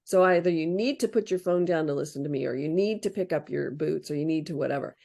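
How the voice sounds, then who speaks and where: A woman's voice: deep voice, fast talker, creaky, mellow. A woman in an interview, explaining relationship advice in a practical, reflective way and acting out example phrases. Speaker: interview guest discussing relationship books. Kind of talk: casual explanatory interview talk.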